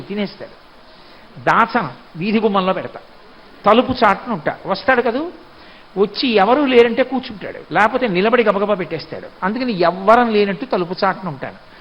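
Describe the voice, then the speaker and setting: A man giving a devotional discourse, retelling a sacred story in an animated way. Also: high-pitched, dull audio. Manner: animated storytelling, acts out voices. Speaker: spiritual discourse speaker.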